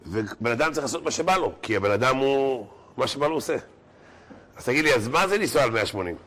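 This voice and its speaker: A man delivers a religious talk in an animated storytelling manner, jumping into the voices of the people in his anecdotes. His voice has a bright, forceful edge. He addresses the listeners directly as he drives his points home. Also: mid-range voice. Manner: animated storyteller, acting out characters. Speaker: religious lecturer. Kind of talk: sermon with joke stories.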